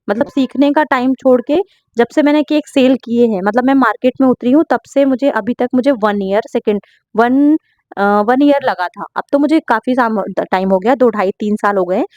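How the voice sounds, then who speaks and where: A woman's voice: a little high, darkish tone, dry recording, highs cut off. A young woman home baker, chatting earnestly as she answers viewers' questions in a casual vlog, often checking in with her listeners. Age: young adult.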